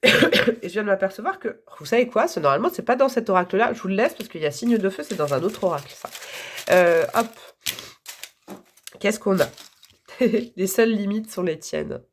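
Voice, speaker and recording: A hoarse woman giving a casual, enthusiastic tarot reading to her viewers, chatty and quick to laugh. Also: medium pitch, animated, slight background noise. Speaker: tarot reader.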